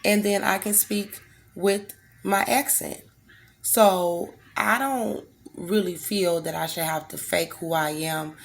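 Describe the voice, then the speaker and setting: Woman, low-pitched, strained throat, defensive, emphatic monologue. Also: slow pace, gravelly. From United States. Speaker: vlogger. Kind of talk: direct-to-camera monologue.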